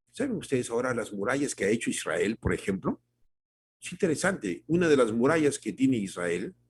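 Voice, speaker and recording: A male pastor preaching a devotional sermon. He calls his listeners brothers, repeats phrases for emphasis and moves between loud exhortation and quiet, low remarks. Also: husky. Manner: swings from loud exhortation to soft, low delivery.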